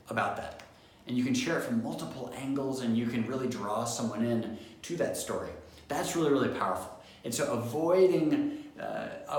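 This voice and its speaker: A young man gives an upbeat admissions lesson to camera, leaning hard on repeated words for emphasis. His voice sits at an ordinary male pitch. The sound rings around a very echoey, reverberant room. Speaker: admissions coach. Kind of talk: instructional talk to camera.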